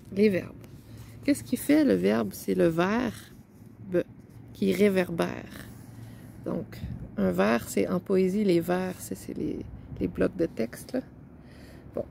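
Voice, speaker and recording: A woman's voice: medium pitch, vocal fry, mellow, slight background noise. A woman with a Québécois French accent, talking casually and musing aloud as she shows pages of a book, rambling and hesitant, playing on words.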